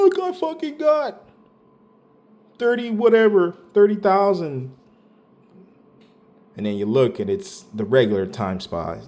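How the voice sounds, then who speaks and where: A man's voice: fairly low pitch, darkish tone, a little hiss or hum. A man casually walking through his own hardware benchmark results, talking in a loose, rambling way with slang and some swearing. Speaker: tech channel host.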